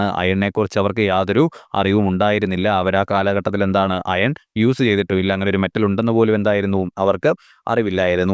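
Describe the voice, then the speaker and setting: A man's voice: lowish voice, a little mellow, smooth, no echo, clean studio sound. A male exam coach teaching a recorded lesson, asking rhetorical questions and answering them himself, repeating key facts. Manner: repeats key facts, mixing English terms into Malayalam; reads English exam questions slowly.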